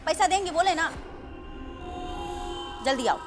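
A woman's voice: very high-pitched, animated, measured pace. An actress playing a flustered young wife who stammers and pleads as she tries to get a saree, in a TV drama. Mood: pleading. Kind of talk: TV drama acting. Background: music.

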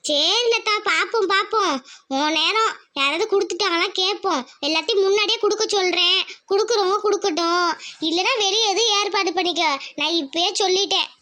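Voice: very high voice, fairly quick, bright, forceful tone. Someone voicing a firm money collector. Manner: firm, guarded. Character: middle-aged village woman, cautious money collector.

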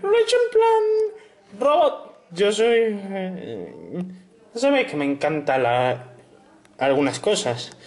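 A young man narrating a puzzle video game, playful and jokey, humming nonsense syllables between remarks. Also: high voice. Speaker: gameplay narrator. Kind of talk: narrated let's play commentary.

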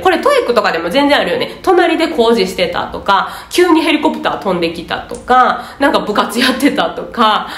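A woman's voice: fairly high pitch, echoey room. A woman with a Kansai Japanese accent, a Spanish teacher giving a chatty, emphatic lesson, laughing often. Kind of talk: casual teaching talk.

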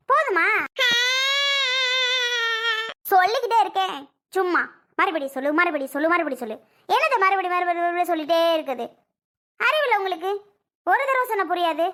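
A woman's voice: high voice, a bit bright. A woman playing a young pregnant wife and mother of twins, talking in a whiny, tearful, pleading way. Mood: exasperated. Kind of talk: Tamil family skit acting.

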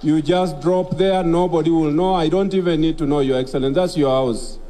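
A middle-aged man introducing a speaker at an outdoor stadium microphone. His voice is mellow and slightly high for a man. He talks deferentially and trips over his words now and then. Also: steady tone, a little fast, faint music behind. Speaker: master of ceremonies. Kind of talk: ceremonial introduction. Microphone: podium microphone on a stand.

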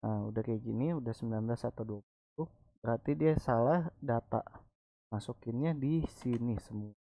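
A tutorial presenter with an informal Jakarta Indonesian accent, who can't roll his r's, chats over a screen recording. He has a dark-toned, medium-pitched voice at a moderate pace, recorded echo-free but dull and lo-fi.

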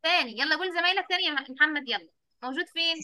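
A woman's voice: high voice, racing, sharp tone, no echo. A young woman teacher with an Egyptian accent, coaxing small children on a video call, repeating questions and praising each answer. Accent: Egyptian Arabic. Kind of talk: online class for young children.

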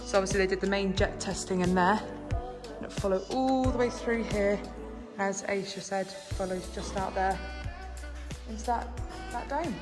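A woman vlogging as she explores, chatty and easily excited, out of breath from climbing and laughing often. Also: medium pitch, normal speed, music in the background. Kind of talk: casual vlog narration while exploring.

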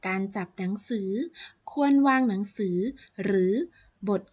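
A woman teacher reading a lesson for children in a slow, careful way. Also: medium pitch, a little mellow, husky.

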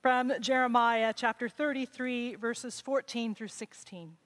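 A woman minister giving a measured, solemn scripture reading in a church service. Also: a little high, fairly even intonation, a bit bright. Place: large church sanctuary.

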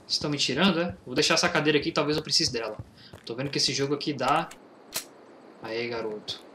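Quick-paced and on the high side, a young Brazilian man with a Brazilian Portuguese accent chats slangily over his gameplay for YouTube. He reads in-game lines out loud and yells during fights, while game and train noises play behind his voice.

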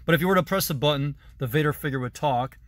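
Filming on a handheld phone at arm's length, a man in his thirties walks through his toy collection in an indoor basement crammed with toys, chatting in detail. He speaks quickly, his voice sitting on the high side, and the sound is dry.

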